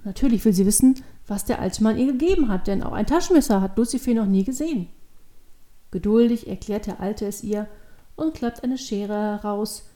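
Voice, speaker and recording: A woman narrating a children's storybook in a measured, expressive way. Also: medium pitch.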